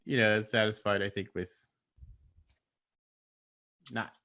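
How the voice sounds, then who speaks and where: A man's voice: fairly low pitch, little pitch movement, slow pace, sharp tone. A man co-hosting a live online talk show, telling rambling stories in a laid-back, casual way. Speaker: co-host. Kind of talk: casual chat.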